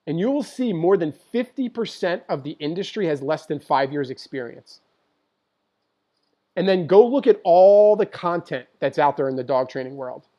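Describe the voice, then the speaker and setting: A man's voice: on the high side, warm tone. A man who works as a dog trainer, talking to viewers on a live stream with passion and emphasis, often repeating his points. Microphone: computer mic for a live stream.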